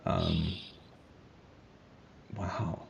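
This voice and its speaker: A man hosting a casual interview, playful and softly spoken. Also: sits low, little pitch movement, extremely slow, gravelly. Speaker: podcast host. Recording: muffled lo-fi audio.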